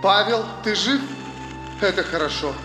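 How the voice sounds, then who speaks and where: A man voicing a frightened young woman trapped in a capsule, speaking quietly and tremulously through a muffled speaker. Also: sits high, unhurried, pitched above the performer's own voice. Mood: trembling. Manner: trembling, breathy, quiet. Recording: roomy echoey hall with loud music.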